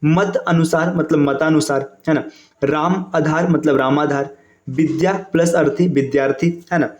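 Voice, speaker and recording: A man with a fairly high voice teaches an exam-prep grammar lesson from slides, walking through each point step by step and often checking in with his listeners. His voice rings around a reverberant room. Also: fairly even intonation, moderate pace, darkish tone. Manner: explains step by step, keeps adding "है ना" and "देखिए".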